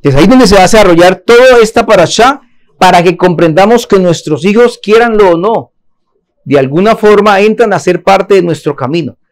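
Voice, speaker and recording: A man's voice: high voice, moderate pace. A man teaching a Torah lesson, asking his listeners questions and answering them himself.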